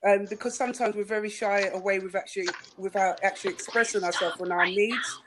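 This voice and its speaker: A woman relationship coach explains her advice on a panel over a video call, in a steady, instructive way. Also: mid-range voice, quick pace, very noisy. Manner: advising, explanatory. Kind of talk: casual panel discussion.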